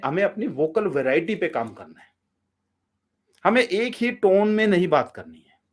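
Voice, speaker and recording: Energetic man coaching public speaking, higher voice. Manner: energetic, explains with direct instructions; addresses listeners as friends. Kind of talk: live coaching session.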